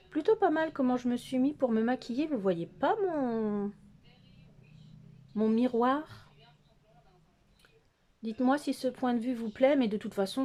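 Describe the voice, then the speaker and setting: A woman's voice: a little high, warm tone. A middle-aged woman vlogger chatting casually through a makeup tutorial, hesitating often with fillers and talking straight to her viewers. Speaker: beauty vlogger. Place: at home, close to the camera.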